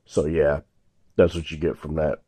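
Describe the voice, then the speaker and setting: A young male tech reviewer, voice very low, husky and slightly sore after illness, moves at a moderate pace through a casual hands-on phone review. He's at a table indoors, off camera, in a dry room with no room sound. He's relaxed and rambling, with frequent fillers and restarts.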